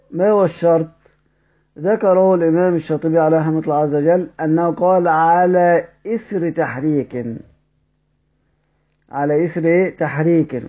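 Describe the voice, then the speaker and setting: A man with an Egyptian accent teaching the rules of Quran recitation. He asks his students questions, answers them himself and chants verse examples slowly. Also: on the high side, mellow. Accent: Egyptian Arabic. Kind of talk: recorded tajweed lesson. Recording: dull lo-fi audio recording.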